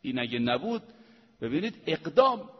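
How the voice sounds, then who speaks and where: A high-pitched man delivers a sermon with emphatic, building declamation. His voice rings with a long hall reverb, and the recording sounds dull and muffled. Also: very animated. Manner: emphatic, rising to loud declamation. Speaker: preacher. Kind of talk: religious lecture.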